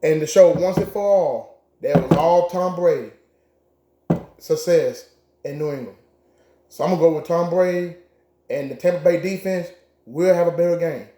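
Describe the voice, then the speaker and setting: Man, higher pitch, mellow tone, casual sports chat, blunt, swears, echoey room. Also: moderate pace, long pauses, a little hiss or hum. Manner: blunt, profane trash talk. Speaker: co-host making game picks.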